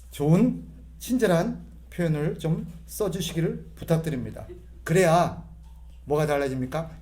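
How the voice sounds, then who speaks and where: A man's voice: on the high side, dark tone. A middle-aged male pastor giving a humorous sermon, imitating voices and having the congregation repeat phrases after him.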